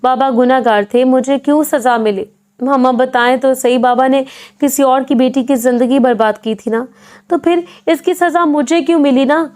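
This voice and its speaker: A woman's voice: high voice, steady tone, darkish tone, lightly acted. A woman voicing a distraught young woman in a storybook reading, pleading with a breaking voice. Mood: desperate, pleading. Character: distraught young woman, sobbing, shattered by a family secret.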